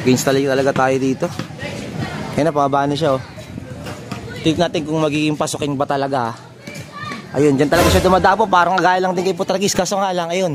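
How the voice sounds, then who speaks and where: A man vlogging about his racing pigeons outdoors, talking excitedly in a running commentary, sweaty and out of breath. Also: on the high side. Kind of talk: casual vlog commentary. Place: outdoors at a backyard pigeon loft. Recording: noisy outdoor recording.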